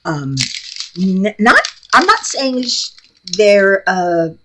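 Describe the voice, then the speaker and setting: A middle-aged craft vlogger with a New York accent rambles casually and bluntly in her home craft room, often breaking into laughter. Her mid-range voice is sing-song, slow, and a bit bright, with a little hiss or hum in the audio.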